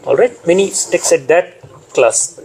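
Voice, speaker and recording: A man's voice: on the high side, lively intonation, a little slow, vocal fry, darkish tone, a little hiss or hum, rough recording. A man with an Indian English accent training teachers in a classroom lecture, repeating key terms and quizzing the room.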